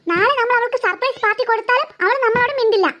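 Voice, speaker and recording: An anxious cartoon girl frets over a secret plan. Her voice is very high, with a bright, sharp edge. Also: rapid-fire. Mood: worried. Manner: anxious, urgent. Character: worried, scheming young girl planning a surprise.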